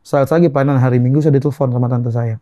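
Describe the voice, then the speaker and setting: Young guy from indonesia, talks quick, mellow darkish voice, earnest, keeps repeating himself, dry close sound. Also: medium pitch, fairly even intonation, dry recording, dull audio. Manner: earnest, halting, repeats phrases. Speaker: guest. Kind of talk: emotional personal testimony.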